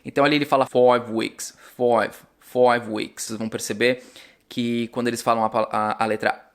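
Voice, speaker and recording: A man with a Brazilian Portuguese accent, chatting casually as a vlogger and repeating sample words slowly to explain them. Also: mid-range voice, fairly even intonation, fairly bright tone. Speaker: vlogger teaching English.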